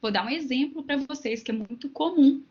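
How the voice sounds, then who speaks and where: A woman's voice: sits high, fairly quick, darkish tone, highs cut off. A woman with a Minas Gerais accent giving an online lecture to teachers, explaining with everyday examples and asides. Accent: Minas Gerais Brazilian Portuguese. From Minas Gerais, Brazil.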